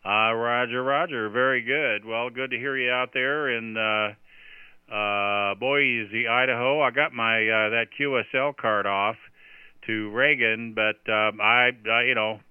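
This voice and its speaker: A man runs a radio net in marine radio style, spelling out call signs and chatting informally in between. His voice is very clear, with a medium pitch. It comes through a thin, phone-like radio channel. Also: steady tone, unhurried, no room sound. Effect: two-way radio transmission. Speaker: net controller, radio operator. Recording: narrow phone-like radio audio, dry.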